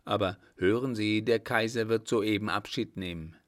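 A man's voice: on the low side, moderate pace, dry recording, clean studio sound, lightly acted. A man voicing a resourceful servant who chats in a friendly way with a coachman.

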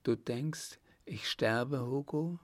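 A man softly voicing a weak wounded young wife. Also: mid-range voice, slow pace, no room sound, pitched above the performer's own voice. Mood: tender. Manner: soft, quiet and tender.

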